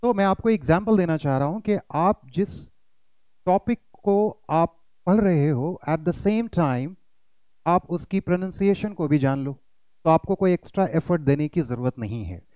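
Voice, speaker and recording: A man's voice: a little high, lively intonation, a little slow, darkish tone, clear, resonant tone, no echo, low-quality recording. A man teaching pronunciation in an online lesson, addressing his students as kids and demonstrating rising and falling intonation.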